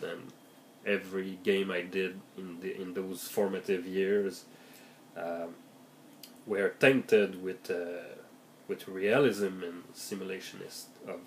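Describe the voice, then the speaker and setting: A man acting as a game master gives tips in a casual vlog monologue, speaking slowly and thoughtfully but hesitantly, with many fillers and restarts. A heavy cold makes his low voice deeper and raspier than usual. The audio is poor, with slight background noise.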